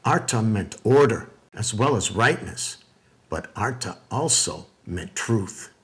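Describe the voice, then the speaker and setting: A man giving scripted documentary narration in a measured, deliberate way. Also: lowish voice, animated.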